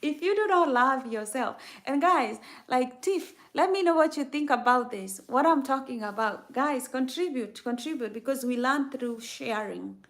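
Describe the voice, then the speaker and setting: A woman's voice: high-pitched, lively intonation, moderate pace, hardly any pauses, a bit bright. A woman from Kenya hosting a livestream, giving an emphatic, faith-based motivational talk and repeating her key phrases for effect. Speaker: livestream host.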